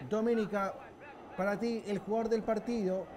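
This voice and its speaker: A man's voice: high voice, fairly even intonation, normal speed, crowd noise. A man with an Ecuadorian accent presenting live football play-by-play as the lead announcer. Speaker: lead football announcer, reading sponsor mentions.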